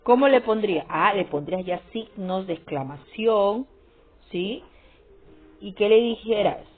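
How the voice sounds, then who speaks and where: Female teacher, slow deliberate delivery, repeats herself, tinny phone-quality recording with faint music. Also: mid-range voice, animated. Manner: repetitive, checks with frequent "¿sí?" and "¿no?". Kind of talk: classroom grammar lesson.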